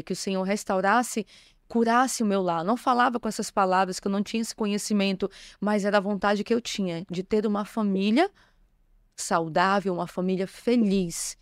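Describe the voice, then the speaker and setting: A woman's voice: mid-range voice, no echo, clean studio sound. Earnest woman telling her testimony. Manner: earnest, emotional storytelling. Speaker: bishop, guest. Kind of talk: personal testimony in an interview.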